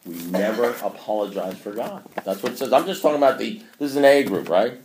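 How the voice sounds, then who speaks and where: A man in his sixties with a lowish voice speaks a little fast over some background noise. It's a talk at a recovery meeting, preachy and meandering with frequent self-mockery, captured in an echoey meeting room.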